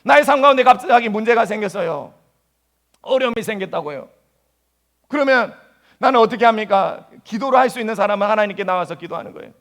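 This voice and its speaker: A male pastor preaching a sermon in a church, acting out anguished prayers in a voice that jumps higher. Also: animated, fast talker, a bit bright. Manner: acts out anguished prayers in a high voice. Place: church sanctuary.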